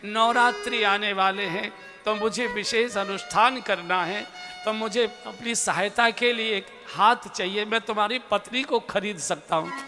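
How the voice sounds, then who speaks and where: A man's voice: high voice, unhurried, sharp tone, exaggerated voice. A man voicing a stern, demanding sage in disguise, speaking curtly in a reverberant hall with music behind. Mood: bargaining.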